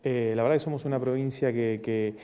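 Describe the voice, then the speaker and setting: A man, a provincial government official who gives an interview in a hesitant, measured way. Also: medium pitch, fairly even intonation, warm tone, clear, resonant tone, in a large hall. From Argentina. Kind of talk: interview about public works.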